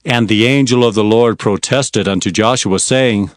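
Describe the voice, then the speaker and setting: A man playing an earnest prophet who recounts his visions in formal, expressive storytelling for dramatized scripture. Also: lowish voice, moderate pace, lightly acted. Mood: reverent. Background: faint music.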